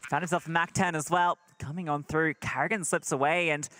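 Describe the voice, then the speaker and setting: A man's voice: a little high, steady tone, brisk, sharp tone, slight background noise. A man working as an esports caster, calling play-by-play in short, clipped present-tense phrases.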